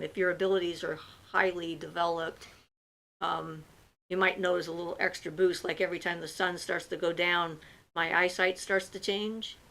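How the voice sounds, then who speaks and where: A woman's voice: on the low side, creaky, a bit bright, poor audio. A woman hosting a livestream, reading out viewers' questions and answering them in a loose, chatty way with many fillers. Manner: reads viewer comments aloud, then answers at length with fillers. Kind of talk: casual livestream chat.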